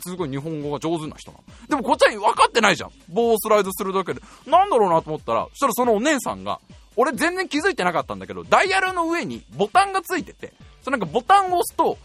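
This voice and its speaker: A man telling a comic anecdote in a casual, animated way, often laughing as he goes. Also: high-pitched, rapid-fire, no echo, soft background music. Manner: animated, laughing while telling a story, acting out voices.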